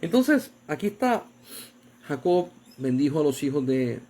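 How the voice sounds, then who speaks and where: A man preaches an evangelist sermon in a fairly high voice. He swings from low, quiet murmurs to loud, fervent exclamations. He questions his listeners directly. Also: big pitch swings, measured pace.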